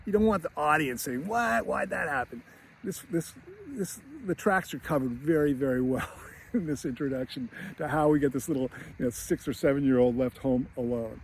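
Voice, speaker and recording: A man's voice: mid-range voice, darkish tone, a little hiss or hum. A man teaching screenwriting, chatting casually and chuckling as he retells scenes. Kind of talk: casual film breakdown.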